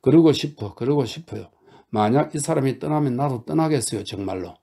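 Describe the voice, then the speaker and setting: A man's voice: mid-range voice, a little fast, dark tone, natural voice. A man voicing a bossy, teasing young woman. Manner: scolding, coaxing, insistent. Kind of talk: audiobook character reading.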